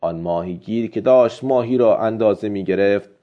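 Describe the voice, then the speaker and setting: A man reading a story aloud as an audiobook narrator in a measured, expressive way. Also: lowish voice, lo-fi sound.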